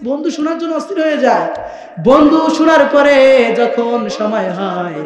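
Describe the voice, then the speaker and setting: Young preacher with a very high, chanting voice. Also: male voice, expressive, normal speed, reverberant, highs cut off. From Rangpur, Bangladesh. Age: young adult. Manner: sing-song chanting cadence, rising to shouts, asks the crowd for responses. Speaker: Islamic preacher. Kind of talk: fiery sermon at a religious gathering.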